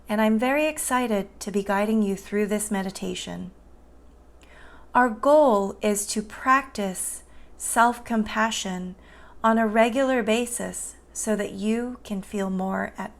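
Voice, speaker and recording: A woman meditation guide narrates a guided meditation in a mid-range voice. Her manner is soothing, gentle and unhurried.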